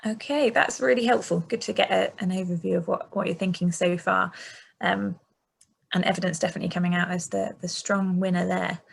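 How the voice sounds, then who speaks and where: Husky, creaky-voiced woman hosting online. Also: fairly low pitch, steady tone, brisk. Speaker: session host. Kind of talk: informal webinar hosting. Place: video call with screen sharing.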